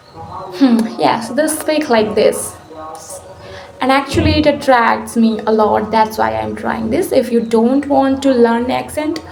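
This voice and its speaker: A woman with an Indian English accent talks casually to her camera as the host of her own channel, alone indoors. Her voice sits fairly high and she pauses often, restarting and correcting herself as she goes. The sound carries a roomy echo. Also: creaky, darkish tone. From Uttar Pradesh, India. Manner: hesitant, self-correcting with many fillers.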